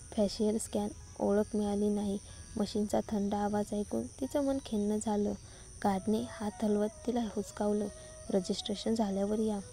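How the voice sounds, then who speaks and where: A woman narrating a written story in a steady, even storytelling manner. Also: mid-range voice.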